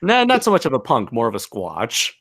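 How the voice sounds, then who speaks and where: A man hosting a casual livestream panel chat over a video call, joking and pausing to look at his notes. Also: mid-range voice, huge pitch swings, a bit bright, slightly rough. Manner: joking, pauses with "let's see". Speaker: livestream host.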